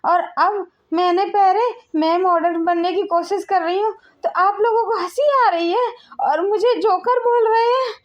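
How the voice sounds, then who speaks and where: A woman's voice: very high-pitched, fairly even intonation, moderate pace, few pauses, dull audio. A woman playing a jealous first wife in a family skit, speaking in a plaintive, complaining way. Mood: hurt. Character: jealous first wife, scheming then hurt. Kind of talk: amateur family skit acting.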